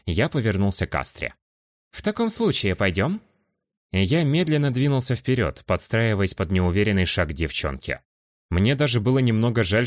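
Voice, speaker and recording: Deep-voiced male audiobook narrator. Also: no echo, clean studio sound. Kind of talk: scripted first-person narration.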